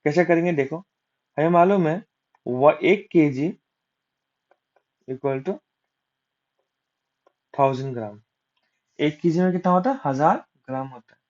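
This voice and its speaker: Guy w doing exam maths step by step, talks himself thru sums, mellow voice, bit muffled. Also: on the high side, a little slow, long pauses. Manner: works sums aloud step by step, asks and answers himself; mixes English maths terms into Hindi. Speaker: maths tutor. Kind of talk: exam-prep maths lesson. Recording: dull lo-fi recording.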